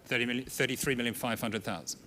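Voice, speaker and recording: A man working as an auctioneer, calling out bids in a brisk, rhythmic patter during a live sale in an auction room. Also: medium pitch, fairly even intonation, pushed and bright, slight background noise.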